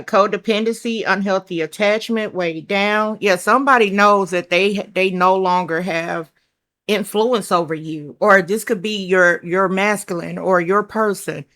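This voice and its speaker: A woman's voice: medium pitch, a bit bright. A woman with a country accent giving a casual tarot reading, chatty and blunt, thinking aloud over the cards and calling her viewers child and baby. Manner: swears casually. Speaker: tarot reader.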